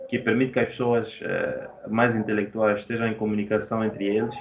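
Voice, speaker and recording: A man talking in a slow, halting way, his voice distorted and clipping over a bad remote call connection. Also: lowish voice, slight background noise. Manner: slow, halting delivery with frequent restarts. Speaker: podcast guest. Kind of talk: casual panel discussion. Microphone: remote video call. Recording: tinny distorted call line with faint guitar music.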